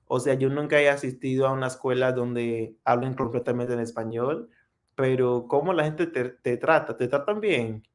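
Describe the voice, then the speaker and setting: A man whose first language is English, hosting a casual live practice stream and answering viewers in English and Spanish. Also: mid-range voice. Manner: unhurried, friendly, answers viewer comments.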